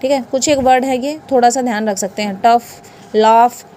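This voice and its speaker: A woman with an Indian accent gives a pronunciation lesson in a fairly high, mellow voice. She spells words out letter by letter and asks her class questions, then answers them herself. A faint hiss sits under the recording. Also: fast. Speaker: English teacher.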